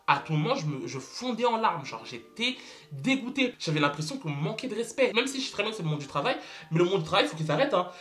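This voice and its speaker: A man's voice: high-pitched, very animated, fast talker, fairly bright tone. A young man telling a story to camera in a casual vlog, dramatic and exclamatory, repeating words for emphasis. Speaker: vlogger.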